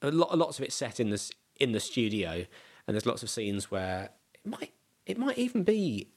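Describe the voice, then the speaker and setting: A man's voice: medium pitch, sing-song, moderate pace. A man hosts a casual podcast conversation in a mid-range voice. He rambles and thinks aloud, circling back with plenty of restarts and fillers. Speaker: podcast host.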